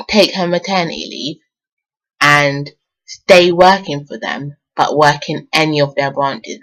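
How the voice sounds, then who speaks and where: Animated woman telling a story. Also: low-pitched, husky. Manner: animated, laughs often, swears freely. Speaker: vlogger. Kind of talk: casual storytime retelling. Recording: dull lo-fi sound.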